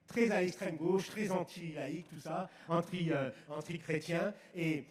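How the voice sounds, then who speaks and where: A man from France gives an emphatic, story-filled sermon outdoors, his voice sitting fairly high and often swelling to a shout. He mixes humour into the preaching. The sound carries a strong echo from the public-address setup. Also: measured pace. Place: outdoors in woods at a festival.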